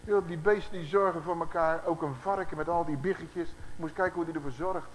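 A man preaching a conversational Bible-teaching sermon to a gathered congregation, animated and full of rhetorical questions to his listeners. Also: fairly high pitch, brisk, slight background noise, poor audio.

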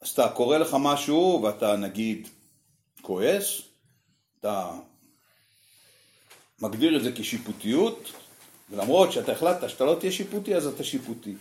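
A man teaching meditation to a group, explaining slowly and reflectively with many fillers and pauses. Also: medium pitch, very animated, darkish tone. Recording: echoey room.

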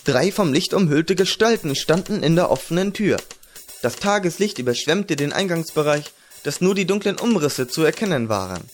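A man narrating a fantasy audiobook in a measured, even reading. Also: fairly high pitch, soft background music.

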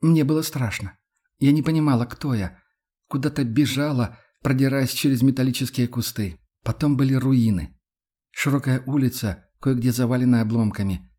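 A man's voice: medium pitch, normal speed, warm tone, slightly rough, natural voice. A man reading an audiobook, voicing a young woman who pleads and breaks with emotion. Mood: haunted. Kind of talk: audiobook character voice.

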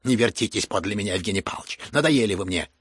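A man reading a furious, hysterical elderly noblewoman who scolds everyone around her, in shrill raised bursts. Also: animated, brisk, gravelly, breathy edge, dry recording, clean studio sound. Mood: indignant. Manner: shrill scolding outbursts, rising to shouts.

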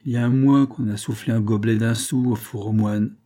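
A man voicing a jovial, gossipy old male peddler in a storybook reading, hearty and loud. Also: lowish voice, fairly even intonation, a little fast, close to an everyday voice.

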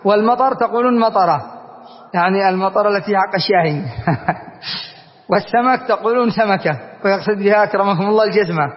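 A man's voice: high voice, fast talker. A man from Yemen teaching a classical grammar lesson, explaining patiently and often checking that his students follow. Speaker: Islamic scholar teaching grammar. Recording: reverberant hall, dull lo-fi recording.

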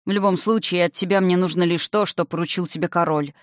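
A reader voicing the spirit of an older father, calm and condescending, who lectures with mocking haughtiness in an audiobook. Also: high-pitched, fast talker, dry recording, studio quality, natural voice. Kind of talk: audiobook character reading.

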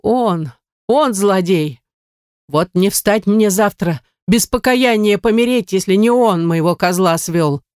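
A bitter, superstitious old grandmother, as the reader puts her on, shrieking curses and accusations in a dry, close storybook reading. Her voice sits at a middling pitch and climbs sharply as she accuses. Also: slow pace, darkish tone, clean tone, no echo, lightly acted. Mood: bitter accusing. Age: older. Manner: shrill, accusing, cursing.

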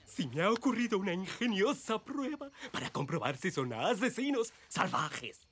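Cartoon lemur monarch: bossy party lover, showy, extremely high register, lively intonation. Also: male voice, moderate pace. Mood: bossy, scheming. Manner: theatrical, imperious, playful. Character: vain, flamboyant, bossy party-loving lemur king. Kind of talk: animated film dubbing. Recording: loud music behind.

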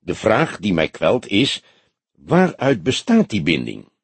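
Voicing a grizzled old police detective in an audiobook, a male narrator uses a husky, exaggerated voice whose pitch swings and swoops wildly. His delivery is shrewd, mocking and deliberate, in a measured mood, and the recording is dry.

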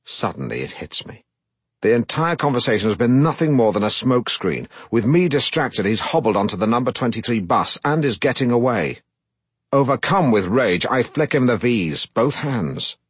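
A middle-aged man, reading a comic first-person story aloud in a deadpan, self-important manner, close to the mic. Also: medium pitch, moderate pace, breathy edge, dry recording. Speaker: audiobook narrator.

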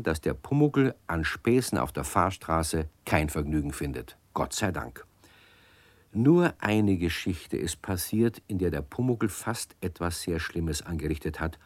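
A man narrating a children's radio play in a calm, gentle, measured storytelling manner. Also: deep voice, no echo.

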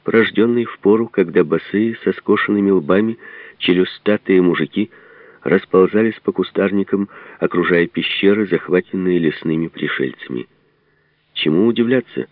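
A man reading an audiobook aloud in a measured, serious delivery, in a dry phone-like narrow recording. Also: fairly low pitch, no echo. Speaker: narrator.

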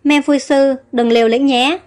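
A woman reading the part of a gentle young queen who speaks in a worried, pleading way, within a storybook audio tale. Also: high voice, fairly even intonation, moderate pace, lightly acted.

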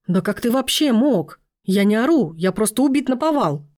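A woman reading an audiobook voices a hot-tempered young man who shouts indignantly when accused. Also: on the high side, animated, normal speed, voice pushed up. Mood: furious.

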